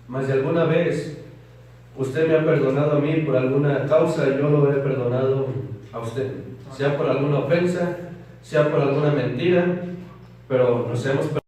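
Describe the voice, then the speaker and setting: A man's voice: a little high, steady tone, normal speed, long pauses, mellow. A man preaching a sermon, reading scripture aloud and explaining it to the congregation. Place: church hall. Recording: very echoey hall, from far off.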